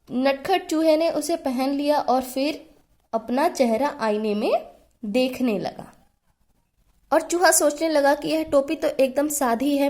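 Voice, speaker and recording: A woman narrates a children's story in a high voice. Her telling is simple and friendly, aimed at young listeners. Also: a little mellow.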